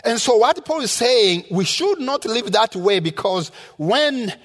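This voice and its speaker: In a reverberant hall, this Rwandan-accented guest preacher from the countryside gives a sermon mixed with his own testimony. His voice is extremely high and a bit bright, very animated yet measured in pace. He drives points home through emphatic, repetitive teaching.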